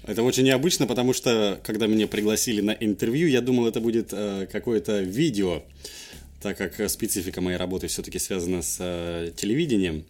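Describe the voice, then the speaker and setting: Lowish-voiced young male interview guest. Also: brisk, darkish tone. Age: young adult. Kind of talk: casual conversational storytelling.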